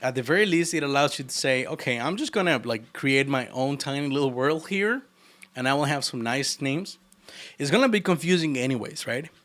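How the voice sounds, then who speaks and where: An Argentine programmer livestreams his coding and keeps up a casual, teasing banter with chat, frequently breaking into laughter. He talks briskly in an animated, medium-pitched voice with a fairly bright tone and an Argentine Spanish accent.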